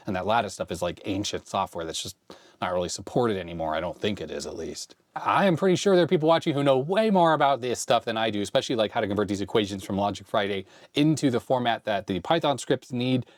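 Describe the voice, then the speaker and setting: A man with a fairly low voice hosts a retro computer channel, casually explaining things on screen in a tech vlog. He thinks aloud and hesitantly questions himself, sounding slightly sick as his voice fades, with no echo.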